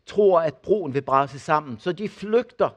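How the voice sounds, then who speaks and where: An older man giving a sermon, his voice sitting a little high for a man. He tells testimony stories with energy and acts out what each person in them says. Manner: animated storyteller acting out the people in his stories. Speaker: preacher and former missionary.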